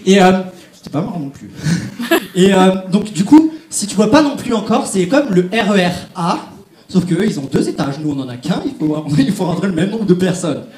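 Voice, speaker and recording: A young male stand-up comic working a theatre crowd, chatty and direct. His voice sits fairly high for a man. The big room gives it a roomy echo. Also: very animated, moderate pace, darkish tone. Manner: chatty, addresses the audience directly. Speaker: stand-up comedian. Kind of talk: stand-up comedy set. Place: comedy stage in a large theatre. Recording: echoey theatre.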